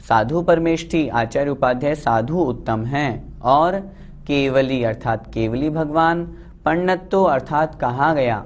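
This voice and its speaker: A man teaching a religious text, reciting verses and explaining them word by word in a slow, deliberate way. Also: medium pitch, a little mellow. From India. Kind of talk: scripture lesson with recitation.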